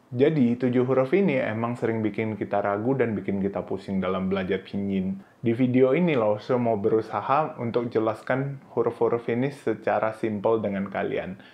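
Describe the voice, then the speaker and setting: Heard through a muffled recording, a man gives a laid-back Mandarin pronunciation lesson on video. He leans on "oke" and "nah" and voices syllables in stretched, high-pitched bursts.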